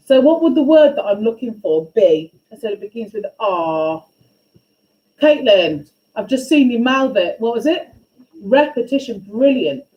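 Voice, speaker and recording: A woman's voice: on the high side, big pitch swings, lo-fi sound. Woman teaching, echoey classroom. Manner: questioning, encouraging, brisk. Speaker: music teacher. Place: school classroom. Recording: echoey classroom, faint ambience.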